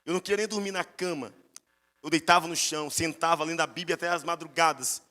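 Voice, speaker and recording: A Brazilian man preaching a sermon with a bright, forceful voice, set a little high for a man. He tells his stories with sweeping, emphatic rises, and his words ring out with a long hall reverb behind them. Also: fairly even intonation, quick pace. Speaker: pastor.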